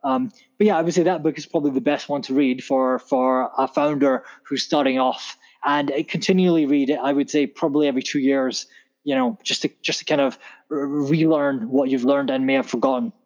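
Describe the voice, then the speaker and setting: A man's voice: mid-range voice, steady tone, a little fast, darkish tone, dull audio. A man in his thirties, a founder guest telling stories in a casual interview, rambling with many fillers and restarts. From Scotland. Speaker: podcast guest, tech founder.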